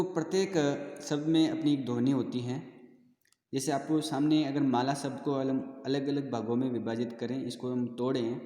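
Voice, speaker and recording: A man's voice: medium pitch, mellow, roomy sound, in a large hall. A man teaching a grammar lesson to young children, patiently explaining and asking questions that he then answers himself.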